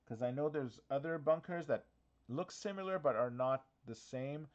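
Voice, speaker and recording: A man's voice: mid-range voice, lively intonation, moderate pace, lo-fi sound. A man hosting a casual live walkthrough from his office, talking in a chatty, hesitant way full of fillers and restarts, with the hiccups. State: has the hiccups. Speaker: diorama workshop host.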